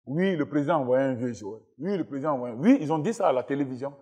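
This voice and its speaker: Emphatic husky man from Burkina Faso. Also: medium pitch, animated, very fast, warm tone. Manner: emphatic, insistent, repeats himself. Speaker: guest footballer. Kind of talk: talk show guest interview. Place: television studio with live audience.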